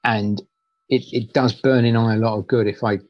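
A man's voice: mid-range voice, fairly even intonation, brisk, no room sound, highs cut off. A male poet talking in a conversational interview, hesitant, often restarting and repeating words.

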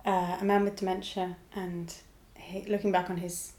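A woman's voice: on the low side, level tone, normal speed, a little mellow. Laughing, chatty woman in an echoey room. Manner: laughs often, self-deprecating. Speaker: novelist guest. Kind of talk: casual conversation.

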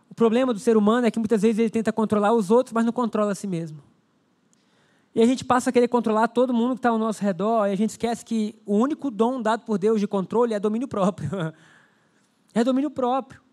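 A man's voice: sits high, darkish tone. A man preaching a sermon as pastor, emphatic, repeating key phrases and acting out prayers. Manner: acts out prayers in a lifted voice.

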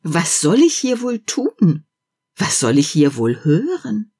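A timid little fir tree in a storybook, wondering aloud in hushed, breathy whispers, as a woman reads it. The voice is husky and low, and the pitch lifts and falls widely as it worries about what will happen. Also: huge pitch swings, slow pace, heavily acted. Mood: anxious wonder.

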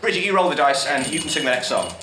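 A man's voice: a little high, expressive, very fast. A man hosting a comedy game show with wry, mock-official announcements. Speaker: comedy quiz host. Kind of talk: live comedy podcast hosting. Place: live venue with audience. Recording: echoey live venue with loud noise.

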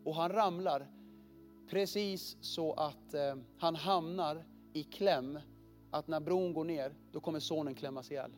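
A male preacher telling a story in a sermon, earnest and often dropping to a hushed, heavy voice. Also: on the high side, fairly even intonation, soft background music.

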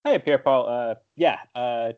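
A man's voice: mid-range voice, measured pace, highs cut off. A man talking football as a podcast panelist, thoughtful and hesitant with many fillers. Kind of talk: casual podcast discussion.

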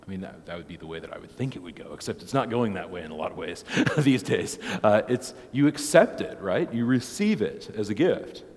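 A man who preaches, teaching a church catechism class in a relaxed, conversational way, heard with a long church echo. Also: fairly low pitch, fairly quick, hardly any pauses. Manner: conversational, tags many points with "right?". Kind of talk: informal church class teaching, opening with prayer.

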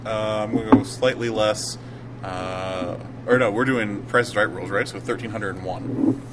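A man's voice: on the low side, steady tone, moderate pace. A man co-hosting a casual podcast, tossing in wry, teasing remarks. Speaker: podcast co-host. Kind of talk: casual banter. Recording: loud background noise.

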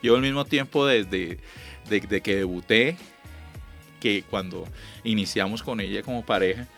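A middle-aged Colombian man, a lyric singer, telling stories in a chatty, animated way during an interview, acting out the dialogue he recalls. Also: on the low side, normal speed, vocal fry, soft background music. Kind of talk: relaxed storytelling.

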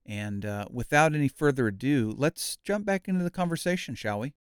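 A middle-aged man hosting a podcast, talking in a relaxed, chatty way with fillers and side stories during a Bible study conversation. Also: medium pitch, fairly quick, smooth, dry recording, clean studio sound. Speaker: podcast host.

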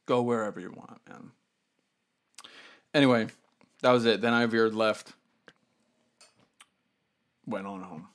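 A man co-hosting a casual chat, telling a story in an animated, profane way with bursts of laughter. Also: on the low side, takes it slowly, long pauses. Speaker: podcast co-host.

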